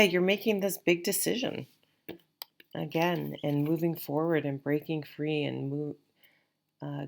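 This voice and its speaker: Deep and gravelly, a woman's voice carries a casual tarot reading. Allergies have her nasal, sniffly and stuffed-up, and she wanders on reassuringly, restarting frequently and filling gaps with fillers.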